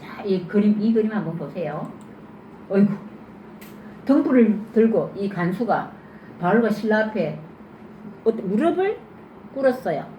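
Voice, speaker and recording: Speaking at a measured pace with long pauses, a woman with a medium-pitched voice teaches an interactive children's Bible sermon at church. She questions the children lively and acts out scenes from the story. The lo-fi recording carries echo from the church room and faint noise.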